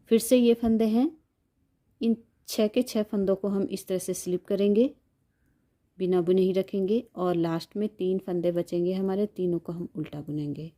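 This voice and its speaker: A woman's voice: mid-range voice, mellow. A woman giving a step-by-step knitting tutorial, patiently counting stitches aloud and repeating each instruction.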